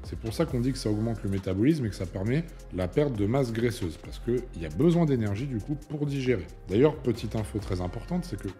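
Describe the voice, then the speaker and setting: A man's voice: mid-range voice, lively intonation, a little fast, hardly any pauses, warm tone, faint music behind. A young man, a fitness coach, talking casually to camera, chatty and emphatic, with many fillers and asides.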